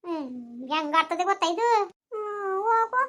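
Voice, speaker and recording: A woman's voice: extremely high pitch, normal speed, muffled recording. A woman playing a furious scolding village mother. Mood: angry scolding. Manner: scolding, shouting threats. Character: angry village mother, sharp-tongued. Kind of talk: village comedy skit acting.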